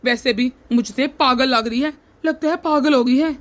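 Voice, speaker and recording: Woman doing a hotheaded young husband in a cartoon, high voice for a guy, blustery threats. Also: moderate pace, lightly acted. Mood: scared. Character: hot-tempered young husband, mother's boy.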